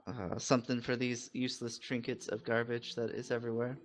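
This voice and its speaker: A man's voice: medium pitch, little pitch movement, a little fast. A man chatting casually as a player in a tabletop game, often searching for his words. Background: background music.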